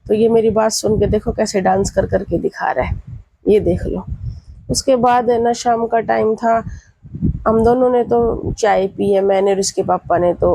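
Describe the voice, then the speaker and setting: A woman's voice: mid-range voice, creaky, dark tone, breathy edge, no echo, rough recording. A woman, feeling feverish and unwell, chatting through a vlog and retelling her family's talk. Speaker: vlogger. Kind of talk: casual vlog narration.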